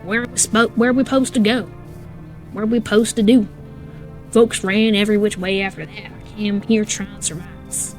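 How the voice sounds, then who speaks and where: A woman voicing a folksy, motherly country woman refugee in a put-on Southern country accent, drawling and quiet. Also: mid-range voice, fairly even intonation, normal speed, soft background music, natural voice. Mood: folksy, pleading.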